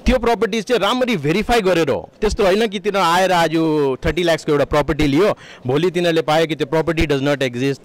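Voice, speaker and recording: A man in his thirties speaks very quickly into a handheld interviewer's mic at an indoor expo stall. His voice sits somewhat high for a man, and he keeps moving between English and Nepali. His hands are busy as he explains. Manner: fast, mixes English and Nepali, gestures with both hands. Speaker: sponsor, real estate firm head.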